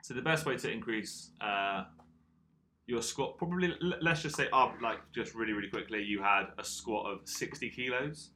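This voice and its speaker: A man's voice: medium pitch, normal speed, bright, forceful tone, slight background noise. A man co-hosting a casual fitness podcast, explaining training step by step. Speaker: podcast co-host.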